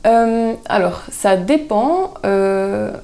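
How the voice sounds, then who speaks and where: A woman, a guest chatting casually in an interview, relaxed and thoughtful with frequent hesitations. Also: mid-range voice, drawn-out words. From Switzerland. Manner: relaxed, thoughtful, many hesitations, laughs easily. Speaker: guest, soap maker.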